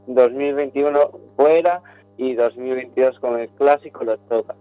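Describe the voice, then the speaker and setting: A man chats casually as a radio panelist, speaking through a bluetooth headset mic. His voice sits in a middle register and comes through dull and lo-fi, as if the line has been squeezed. He lists results one after another in a steady run. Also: medium pitch, normal speed, clear, resonant tone, soft background music. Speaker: guest panelist.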